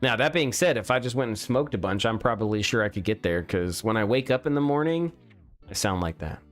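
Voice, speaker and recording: Live-streaming his game build, this young man talks casually, yelps at errors, and often starts sentences over. He speaks a little fast with lively intonation in a lowish register, recorded on a studio mic with a pop filter, while soft music plays in the background.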